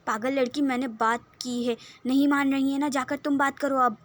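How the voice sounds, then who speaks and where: A woman's voice: high-pitched, steady tone, lightly acted. Woman doing a bossy, teasing young man. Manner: pushy, mocking.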